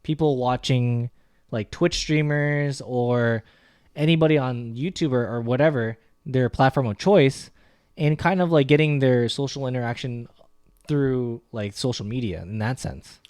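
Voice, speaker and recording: A man's voice: medium pitch, a little slow, darkish tone, smooth, dry recording. A young man talks in a loose, chatty way and fills his sentences with "like" on a casual podcast. His voice is recorded close and dry, with no room sound around it. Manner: loose and chatty, heavy use of "like", joking asides. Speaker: podcast co-host.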